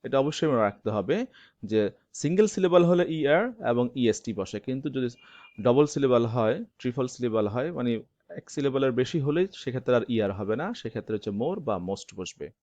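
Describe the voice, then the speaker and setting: A man teaches a grammar lesson, stretching out each example word with slow, deliberate emphasis. His pitch swings widely between high and low. The recording is dry and muffled, with a dull lo-fi sound. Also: animated, darkish tone, dry recording. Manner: slow, stressed reading of word forms.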